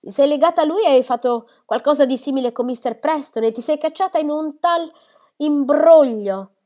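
A woman's voice: mid-range voice, lively intonation, normal speed, darkish tone, voice pushed up, natural voice. A woman reading a novel aloud, voicing a fretful, self-pitying middle-aged mother who scolds her daughter. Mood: reproachful. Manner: complaining, reproachful.

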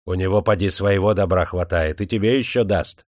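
A man's voice: sits low, fairly quick, darkish tone, dry recording, clean studio sound, close to an everyday voice. A man voicing a greedy, hawk-nosed old Roma woman who talks in a grasping, wheedling way. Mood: sour.

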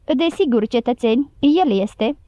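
A calm, confident gymnast hero speaks with steady authority, as a woman narrator reads him. The voice is warm and mellow. It is recorded dry, with a slightly dull audiobook sound. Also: sits high, no echo. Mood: calm confidence.

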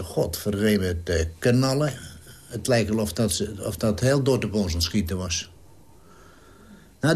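A man in his nineties, a war veteran, telling his story in an interview in a blunt, salty way and acting out the dialogue. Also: medium pitch. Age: 90s. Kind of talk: vivid wartime storytelling interview.

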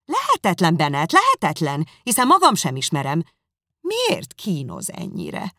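A woman's voice: on the low side, wildly swooping pitch, sharp tone, dry recording, studio quality, full character voice. A woman reading aloud and voicing a fussy, nervous middle-aged mother who complains and scolds. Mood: fretful. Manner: fretful, reproachful outbursts.

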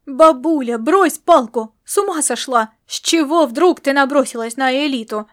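A patient young grandson, calm and a little teasing, talking his granny down, as a woman reads him in an audiobook. The voice stays fairly high and even, softening into quiet reassurance. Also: measured pace. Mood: alarmed. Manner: calm, gently mocking, reassuring. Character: young man, patient grandson and would-be king.

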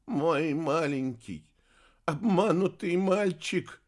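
A man's voice: fairly high pitch, slow, voice pushed up. A man playing a tearful old sorceress mother. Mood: tender tearful. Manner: soft, tearful, pleading. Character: tender old woman sorceress, a grieving mother. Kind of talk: audiobook character voice.

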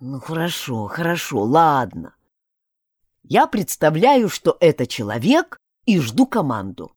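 A woman's voice: sits low, big pitch swings, unhurried, darkish tone, slightly rough, no echo, clean studio sound, exaggerated voice. A woman voicing a huge, sulky young male dog who complains a lot in a storybook reading.

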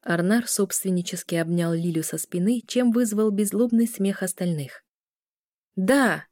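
A woman narrating a novel in an even storytelling read. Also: medium pitch, normal speed, no room sound, clean studio sound. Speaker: audiobook reader. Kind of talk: scripted narration.

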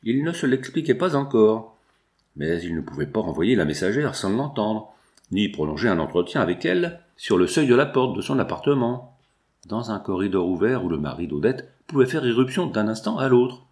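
A man reading a classic novel aloud in a measured, expressive way. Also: fairly low pitch. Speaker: audiobook narrator. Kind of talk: scripted narration.

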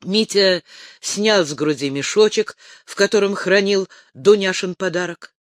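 A man reading an audiobook slowly and expressively. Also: sits high, no room sound, studio quality. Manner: slow, expressive. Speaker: narrator.

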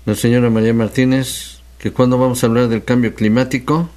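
A man hosting a radio program, giving brief relaxed replies and backchannel sounds. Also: medium pitch, brisk. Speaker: radio host. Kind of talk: casual radio chat.

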